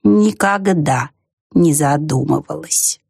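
A woman playing a very slow, calm snail. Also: low voice, gravelly, husky, no room sound, studio quality, exaggerated voice. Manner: very slow, drawn out, quiet.

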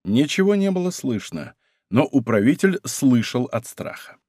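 A man narrating an adventure novel as an audiobook with an expressive, dramatic reading. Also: mid-range voice, normal speed, no echo, clean studio sound.

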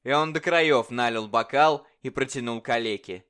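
A man narrating a literary story with a measured, expressive reading. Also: mid-range voice, clear, resonant tone. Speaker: audiobook narrator. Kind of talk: dramatic audiobook narration.

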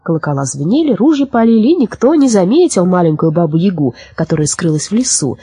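Female audiobook narrator, children's story, expressive, breathy, dry close mic. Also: fairly low pitch, a little fast, no room sound.

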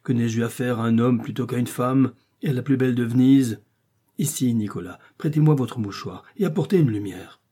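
Man reading as a gruff Venetian bandit gondolier. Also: mid-range voice, fairly quick, warm tone, lightly acted. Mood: gruff scornful.

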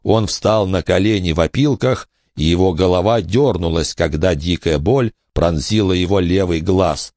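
A man's voice: low-pitched, darkish tone, dry recording, clean studio sound. A man reading a horror audiobook as narrator, telling the story expressively.

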